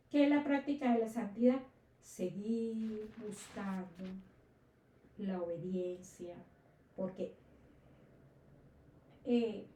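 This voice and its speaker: A woman's voice: a little high, mellow. A woman preaching a sermon, often asking her listeners rhetorical questions and checking they follow. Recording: echoey room, distant mic.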